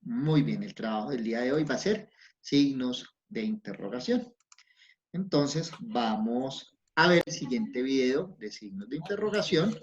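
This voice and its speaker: A man's voice: medium pitch, animated, a little slow. A man teaching an online class to young children, patient and encouraging, asking lots of questions. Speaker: primary school teacher. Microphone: video call. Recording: dull lo-fi sound, faint noise.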